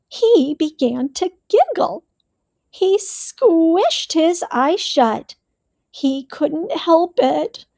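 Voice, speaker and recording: Casting: woman storybook reader for kids, high, lively voice, unhurried and expressive. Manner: slow, expressive, addressing children. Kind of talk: reading a picture book aloud to children.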